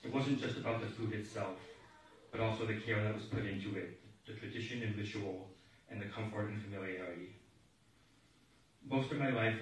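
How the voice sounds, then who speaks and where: Man, lower register, steady reflective eulogy reader; echoey hall, distant mic, faint noise. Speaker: grandson giving a eulogy. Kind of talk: read eulogy. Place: large echoey hall at a memorial service.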